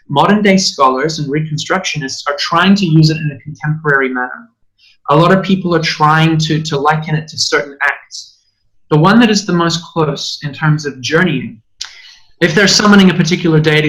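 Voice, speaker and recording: A man's voice: on the high side, fairly bright tone, low-quality recording. A man in an earnest, passionate conversation as a spiritual teacher, now and then swearing. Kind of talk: conversational podcast chat.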